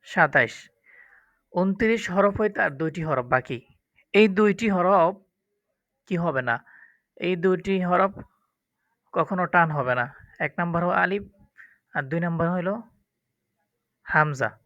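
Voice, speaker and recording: Brief: patient male tutor, slow and bright, dry lo-fi recording. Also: high voice, no room sound. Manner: patient, repeats letter sounds slowly for learners. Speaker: Quran teacher. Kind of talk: recorded lesson on Arabic letters. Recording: dull, lo-fi, dry.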